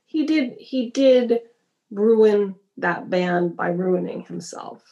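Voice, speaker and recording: A woman's voice: mid-range voice, takes it slowly, mellow, lo-fi sound. A woman in casual conversation, blunt and opinionated. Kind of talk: casual music chat. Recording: echoey room.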